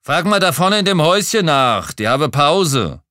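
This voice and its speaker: A man voicing a huge, muscular mail porter who speaks in a gruff, terse, grumbling way. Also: a little high, big pitch swings, moderate pace, bright, forceful tone, dry recording, clean studio sound, pitched above the performer's own voice.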